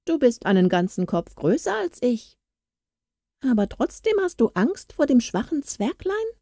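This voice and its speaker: A woman voicing a small, proud male dwarf who grumbles and lectures, read slowly in a storybook. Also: fairly high pitch, sing-song, dark tone, no echo, studio quality, heavily acted. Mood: teasing.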